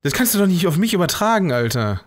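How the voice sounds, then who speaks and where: Animated man commenting on a game. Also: high-pitched, fast. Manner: emotional, exclaiming and swearing casually. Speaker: let's play host. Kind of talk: casual gameplay commentary. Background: game music.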